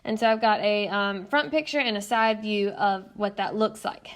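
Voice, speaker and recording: A woman teacher narrating a recorded lesson in a patient, explanatory way, often pausing with "um". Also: mid-range voice, fairly even intonation. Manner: patient, explanatory, frequent "um" fillers. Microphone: tablet screencast mic.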